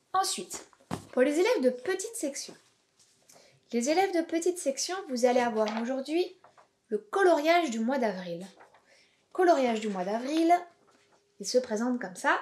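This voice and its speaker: A woman, a preschool teacher giving a home-school video lesson to young children in a slow, clear, encouraging way. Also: high voice, lively intonation, a little hiss or hum.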